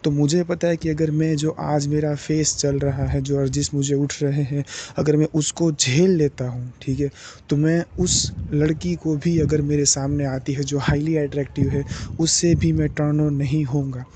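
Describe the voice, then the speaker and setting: Young man, personal vlog, slow hesitant delivery, flat tone, faint background noise. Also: on the high side. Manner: slow, deliberate, hesitant with many fillers. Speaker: vlogger.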